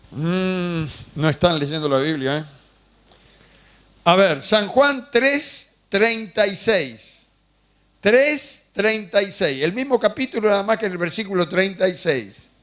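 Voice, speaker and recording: A man's voice: sits high, lively intonation, slow, pauses often, fairly bright tone. A man preaching a sermon as pastor, telling stories and putting questions to the congregation. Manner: conversational storytelling with questions to the congregation.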